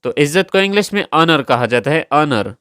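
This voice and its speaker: A man's voice: on the high side, expressive, moderate pace, fairly bright tone, clear, resonant tone, no room sound, clean studio sound. A man teaching English vocabulary, saying each word several times and spelling it out letter by letter. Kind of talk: slow vocabulary lesson, spelling words letter by letter.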